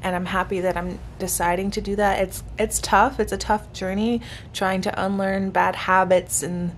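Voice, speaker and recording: In a hotel room, a grateful, chatty 25-year-old vlogger reflects casually and earnestly to a close-held camera at arm's length. She speaks at normal speed in a medium pitch that barely moves, over a faint hiss or hum.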